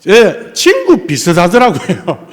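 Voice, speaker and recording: A man's voice: sits high, huge pitch swings, slow pace. An older male pastor with a strong Gyeongsang accent from the Tongyeong and Geoje area, preaching a sermon in a folksy, joking way and acting out the dialogue he quotes. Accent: Gyeongsang, Tongyeong-Geoje dialect. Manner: folksy, acts out dialogue in many voices, jokes with the congregation. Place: church sanctuary. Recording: long church hall reverb.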